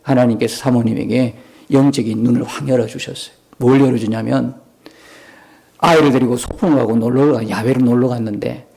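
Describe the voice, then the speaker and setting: A man's voice: medium pitch, steady tone, a little fast, gravelly, warm tone. A male pastor, preaching a sermon in an emphatic storytelling manner and acting out prayers in shifting tones. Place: church sanctuary.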